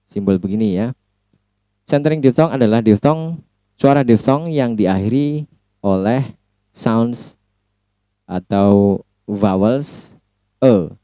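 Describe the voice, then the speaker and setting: Slow, mellow Indonesian-accented male lecturer. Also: mid-range voice, dry recording, dull audio. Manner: mixes Indonesian and English, repeats sounds drawn out for practice. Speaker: English phonology lecturer. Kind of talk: slow recorded lecture explaining sounds.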